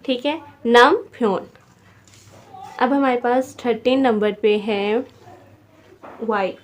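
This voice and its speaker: A woman teaching a beginner vocabulary lesson, repeating each word slowly and spelling it out syllable by syllable. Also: on the high side. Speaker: language teacher.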